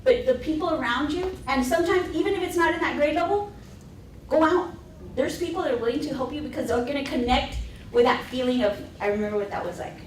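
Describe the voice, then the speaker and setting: A woman's voice: high voice, a little fast, a little hiss or hum. A woman on a teachers' panel telling stories about her early days in the classroom, acting out what people said to her. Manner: animated, acts out past dialogue in quotes. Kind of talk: conversational panel storytelling. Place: conference room panel. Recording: echoey room, mic at a distance.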